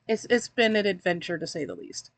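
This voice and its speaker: A woman's voice: on the low side, gravelly, no echo. A woman hosting a casual snack-box unboxing, chatty and wry, reading the packaging aloud. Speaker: host reviewing a snack box.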